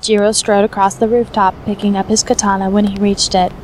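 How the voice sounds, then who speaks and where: Here a fan fiction reader narrates a scripted story aloud, briskly and in a mid-range voice. Background noise stays steady throughout this noisy hobby recording.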